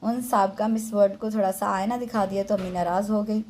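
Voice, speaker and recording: Woman doing cheeky young girl, mocking everybody, mellow voice, storybook reading. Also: mid-range voice, steady tone, fairly quick, slight background noise, close to an everyday voice. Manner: mocking and theatrical. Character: lively, teasing young woman, sharp-tongued joker.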